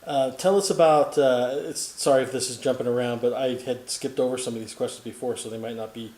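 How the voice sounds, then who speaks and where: A chatty man asks loose, rambling questions in a casual interview. He speaks at a mid pitch and slips in small jokes. His voice sounds roomy, as if recorded in an echoey room. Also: fairly even intonation, fairly quick, darkish tone. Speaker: host, grandson interviewer.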